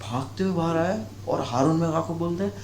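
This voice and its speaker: A slightly high-voiced man tells a stand-up comedy story, lively and loud, his pitch leaping as he goes. A heavy layer of noise and clicks sits under the recording. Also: brisk.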